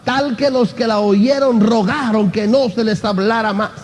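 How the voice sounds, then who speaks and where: High-pitched impassioned male preacher. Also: a little slow. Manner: impassioned preaching, often calling out "hermano". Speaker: pastor. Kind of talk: sermon. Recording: long hall reverb.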